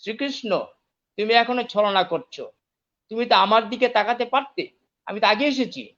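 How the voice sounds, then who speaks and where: A man's voice: high-pitched, sing-song, moderate pace, muffled recording, pitched above the performer's own voice. A man voicing a proud, resentful prince in a retold epic, speaking indignantly. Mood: reproachful. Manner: indignant, scornful.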